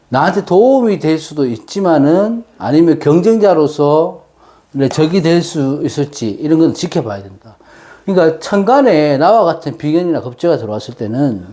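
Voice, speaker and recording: A man giving an unscripted explanatory lecture, haltingly, his articulation slightly slurred and tangled as if numb from the dentist. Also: fairly high pitch, mellow. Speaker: fortune-telling lecturer.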